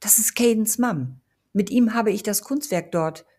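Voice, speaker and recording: A woman's voice: medium pitch, unhurried, warm tone, pitched above the performer's own voice, lightly acted. Samuel, a woman reading a wary young man. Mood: surprised. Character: cautious young man, wary and level-headed.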